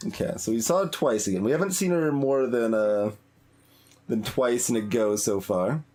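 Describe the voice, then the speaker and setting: At normal speed, a medium-pitched, slightly mellow man gives casual live commentary as a let's play streamer. He hesitates and muses, trailing off mid-thought, against game music.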